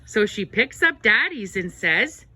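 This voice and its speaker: A woman's voice: mid-range voice, sing-song, measured pace, sharp tone, husky, no room sound. A woman narrating a children's storybook tale aloud, with dramatic exclamations and gasps.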